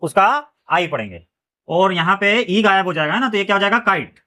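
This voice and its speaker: A man with a high-pitched voice teaches English phonics in the manner of a classroom lesson. He poses a question after nearly every word and then answers it himself. He often follows a point with a quick check that everyone is with him. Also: bright, forceful tone.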